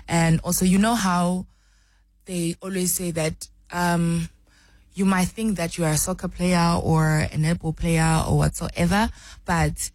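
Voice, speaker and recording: A woman's voice: on the low side, flat delivery, a little slow, darkish tone, no echo, rough recording. A young woman from South Africa, a rugby player, answering interview questions with many ums and restarts.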